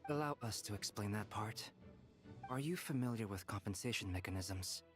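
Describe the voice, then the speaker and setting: A man playing a composed, clinical scholar in a video game, explaining in a formal, measured way. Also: fairly low pitch, lively intonation, soft background music, close to an everyday voice.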